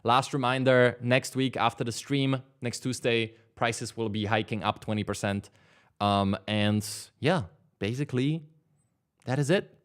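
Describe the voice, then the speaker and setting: A young man in his twenties hosting a casual livestream from his desk, rambling and leaning on fillers as he answers chat. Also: medium pitch. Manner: rambling, filler-heavy, lots of "like". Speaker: livestream host. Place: home studio desk.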